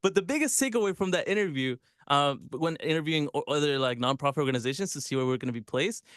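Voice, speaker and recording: Young man, radio guest, slightly high voice, dry sound, relaxed, lots of fillers. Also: fast, clean tone, no room sound. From Mexico City. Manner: relaxed, filler-heavy storytelling. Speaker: guest, program fellow. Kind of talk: casual interview.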